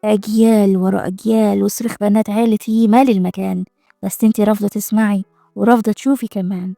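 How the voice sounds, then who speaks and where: A woman's voice: medium pitch, fairly even intonation, fast talker, creaky, warm tone, no echo, studio quality, soft background music, close to an everyday voice. A woman voicing a bold, defiant young heroine with an Egyptian Arabic accent, speaking mockingly.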